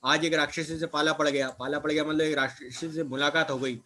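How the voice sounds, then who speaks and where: A man's voice: fairly high pitch, steady tone, a little fast, bright, forceful tone, slight background noise. A man teaching a children's textbook lesson, asking questions and then answering them himself, checking in with little tag phrases. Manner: asks questions then answers them, repeats words with "है ना" and "ठीक है".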